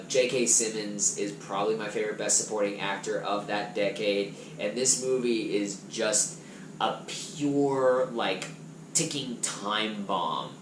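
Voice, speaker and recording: A man chatting casually and enthusiastically as he reviews movies from his collection on a vlog, his loudness swinging up and down. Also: lowish voice. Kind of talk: casual chat. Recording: echoey room with background noise.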